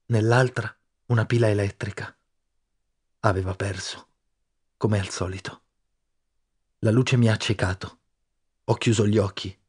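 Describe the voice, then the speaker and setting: A man narrating an audiobook in the first person with a steady, measured reading. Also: on the low side, breathy edge.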